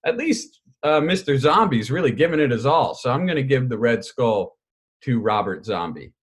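A man co-hosting a casual podcast, lively and wry, moving the segment along. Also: mid-range voice, normal speed, a little hiss or hum. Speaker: podcast co-host. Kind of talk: casual chat.

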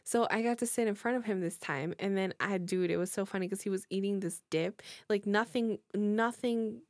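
A woman's voice: mid-range voice, normal speed, darkish tone, no room sound, clean studio sound. A young woman hosting a podcast, chatting casually and giggling often. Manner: giggly, laughs often between words. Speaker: podcast host. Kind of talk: casual chat.

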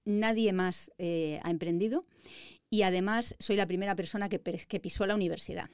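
A woman's voice: medium pitch, fairly even intonation, fairly quick, a little mellow, smooth, no echo, clean studio sound. A woman in her fifties with a Madrid Spanish accent, a lawyer telling her story in an interview with confident, articulate ease. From Spain. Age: 50s. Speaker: guest, lawyer. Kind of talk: interview conversation.

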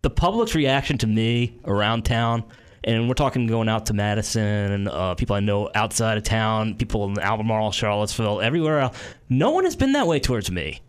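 A man's voice: lowish voice, animated, fairly quick, smooth. Blunt rambling male talk host. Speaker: local talk show host. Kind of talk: casual talk radio chat.

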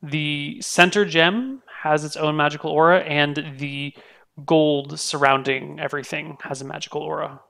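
A man narrating a tabletop game as game master, explaining things in a halting way. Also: a little high, steady tone, creaky, bright, forceful tone.

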